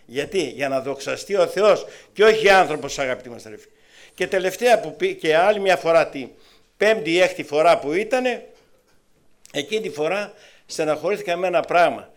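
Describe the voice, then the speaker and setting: A man from Greece is preaching, weaving testimony stories into a testimony sermon. He tells them with animated, lively energy, his pitch and loudness swinging widely between loud and soft passages.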